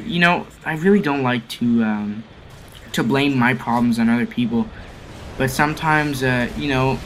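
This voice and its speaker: A teenage boy lecturing over game footage, rambling and preachy, tripping over his words and fixing them as he goes. His voice sits at an ordinary middle pitch. A faint hiss of noise runs under the home headset recording. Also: a bit bright. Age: teens. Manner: rambling, preachy, with frequent stumbles and self-corrections. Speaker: gaming commentary video maker. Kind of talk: ranting commentary over gameplay.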